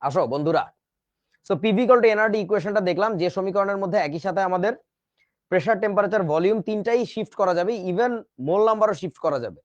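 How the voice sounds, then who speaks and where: A man's voice: high voice, quick pace, no echo, dull audio. A man teaching a chemistry class in a casual, joking way, with speech. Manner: chatty, joking asides to students. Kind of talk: casual online class lecture.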